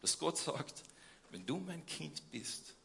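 A young man preaching a sermon, swinging between loud questions and quiet emphasis, with frequent hesitations. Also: fairly high pitch, big pitch swings, slow, vocal fry.

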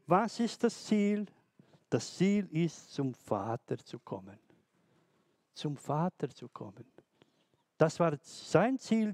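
A man who is not a native speaker, preaching a sermon slowly, with many restarts and hesitations. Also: high-pitched, warm tone, no room sound. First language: not German.

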